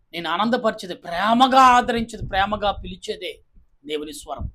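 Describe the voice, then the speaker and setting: Man preaching a sermon, pretty high voice, keeps firing questions at the crowd. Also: fairly bright tone. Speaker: pastor.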